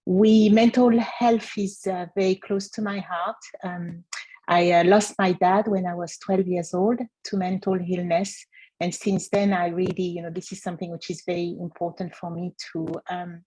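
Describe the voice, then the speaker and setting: A woman speaking earnestly on a panel, halting often on fillers. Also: fairly low pitch, level tone, warm tone, rough recording. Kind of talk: panel discussion.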